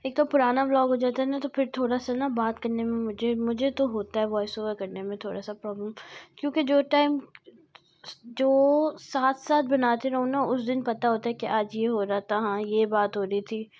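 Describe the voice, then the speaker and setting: A woman's voice: a little high, fairly even intonation, moderate pace, darkish tone. Chatty woman narrating her vlog. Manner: chatty, self-correcting, rambling. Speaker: vlogger. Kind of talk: casual vlog voice-over.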